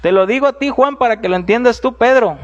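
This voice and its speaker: High-voiced animated man preaching. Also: fast talker, muffled recording. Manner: animated storytelling with humorous asides and direct address. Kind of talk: sermon. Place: church.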